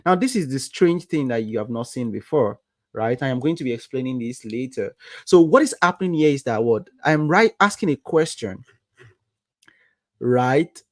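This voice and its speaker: A young Nigerian man with a Nigerian accent teaches code on a livestream, chatting with viewers and tossing them rhetorical "what?" questions as he goes. His medium-pitched voice is animated and moderately paced. The studio-quality audio has no echo.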